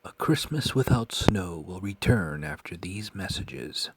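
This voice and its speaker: A man with a deep, low voice makes scripted announcements as a show's presenter. His lines are delivered as broadcast continuity. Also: expressive, measured pace, loud music behind the voice. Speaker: show announcer.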